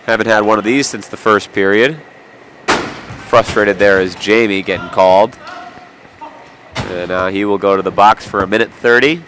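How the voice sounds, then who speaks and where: A man calls a local hockey game play-by-play in a lowish voice, a bit stuffy and nasal from a cold. He drops in jokey, chatty asides between the action. Faint arena noise sits behind him. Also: fairly bright tone. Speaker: play-by-play commentator. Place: indoor sports arena.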